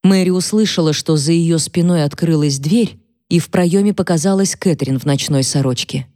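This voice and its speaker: A woman narrates a historical novel in an even, measured way. Her voice is lowish and dark-toned. It is recorded close and dry. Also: no echo. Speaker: audiobook narrator. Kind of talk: scripted narration.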